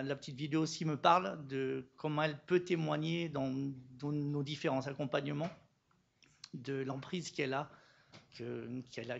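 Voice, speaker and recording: Halting, emotional man, gravelly voice. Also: mid-range voice, muffled recording. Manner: halting, emotional, many restarts. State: trembling voice. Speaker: social worker. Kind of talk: audience comment at a conference.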